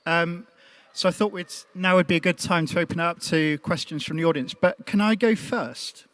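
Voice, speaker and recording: A man with a slightly raised pitch hosts a live panel in a friendly, chatty way. His voice sounds dry and close, and he keeps the audience involved. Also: flat delivery, brisk, a bit bright, no room sound. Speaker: panel host. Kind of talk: hosting a live panel talk.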